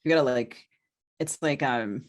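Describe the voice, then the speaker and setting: With a rumbling low voice at a normal speed, a novelist co-hosting a podcast talks loosely about writing. Her manner is informal and self-mocking, and she frequently feels her way toward what she wants to say.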